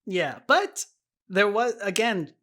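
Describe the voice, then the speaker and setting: Lively podcast co-host explaining a show. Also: male voice, high voice, slow pace. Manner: animated, laughs often, explains eagerly. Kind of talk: casual recap chat.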